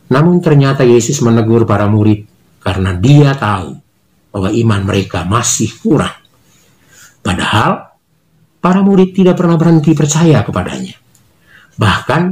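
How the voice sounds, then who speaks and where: In a small indoor office lined with bookshelves, a middle-aged male priest with a mid-range voice offers a sermon-like spoken reflection. He is measured and earnest, reading in steady phrases.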